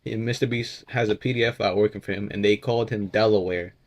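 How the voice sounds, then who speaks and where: A man's voice: lowish voice, fairly even intonation, quick pace. A man reacting to a clip with blunt, profane, incredulous commentary. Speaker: reaction video host.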